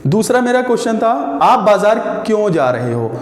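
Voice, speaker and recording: A man's voice: high-pitched, sing-song, moderate pace. A man teaching English grammar for exam prep, who asks his class questions and answers them himself, repeating key words. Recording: echoey room.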